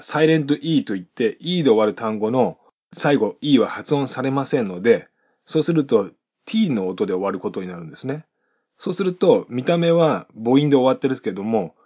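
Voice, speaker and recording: Husky-voiced man teaching pronunciation. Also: mid-range voice, a little mellow. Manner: methodical, breaks sentences into sounds and repeats them slowly. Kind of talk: instructional explanation with example sentences.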